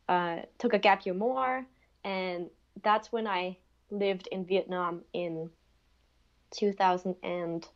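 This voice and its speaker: A young Danish woman, appearing as a podcast guest, chats casually from her bedroom over a video call using an earphone mic. Her voice is medium-pitched and the audio sounds dull, and she uses lots of "like" and "um."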